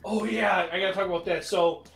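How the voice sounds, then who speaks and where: A man's voice: sits high, fairly quick, roomy sound, over loud music. A man co-hosting a casual podcast, telling a rambling travel story full of fillers. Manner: rambling, animated, many fillers. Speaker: podcast co-host.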